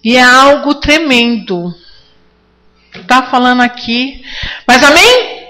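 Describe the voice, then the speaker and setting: A woman's voice: high voice, lively intonation, takes it slowly, pushed and bright, low-quality recording. A woman preaching a sermon to her congregation, fervent and rising now and then to cries.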